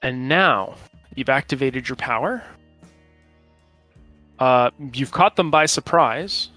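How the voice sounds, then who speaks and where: A man acting as game master, narrating and refereeing a tabletop role-playing game in an informal, halting way. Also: mid-range voice, lively intonation, sharp tone, no room sound, soft background music. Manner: informal, halting while checking rules.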